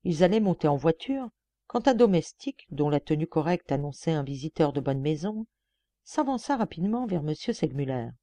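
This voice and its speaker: A woman narrating a literary audiobook, measured and expressive. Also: low voice, no room sound. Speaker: audiobook reader.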